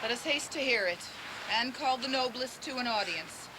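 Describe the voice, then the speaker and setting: A commanding, solemn soldier prince played by a woman declaims formal Shakespearean verse. The voice is fairly high, and loud noise surrounds it. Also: lively intonation, moderate pace, natural voice. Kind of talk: Shakespearean stage acting.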